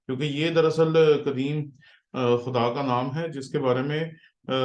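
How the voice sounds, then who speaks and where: Patient man teaching in echoey room. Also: mid-range voice. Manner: patient, explaining step by step with frequent "theek hai". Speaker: pastor teaching Hebrew. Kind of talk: online class lesson.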